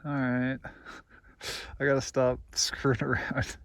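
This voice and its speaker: Out on high mountain passes and boulder fields, a backpacker vlogs casually to his own camera, musing aloud, chuckling at himself and at times winded. His voice is medium in pitch and monotone, and he speaks slowly with no echo.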